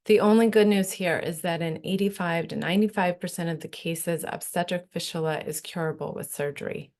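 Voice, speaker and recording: A woman's voice: lowish voice, darkish tone. Earnest woman presenting for a nonprofit. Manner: earnest, measured, informative. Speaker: nonprofit executive director and midwife. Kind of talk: scripted presentation at a virtual event.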